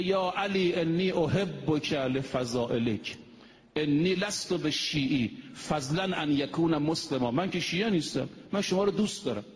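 A man preaching a sermon in a mosque, declaiming and slowing down to intone quoted Arabic lines. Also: a little high, big-room sound.

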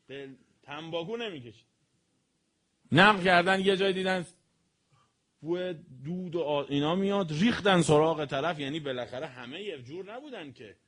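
A man giving a sermon on history, telling it in an animated way with sudden loud and soft swings. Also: fairly high pitch.

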